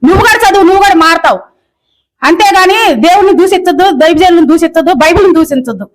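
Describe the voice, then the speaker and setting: Woman, very high pitch, rapid-fire angry scolding, rant delivery. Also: poor audio. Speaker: video commenter.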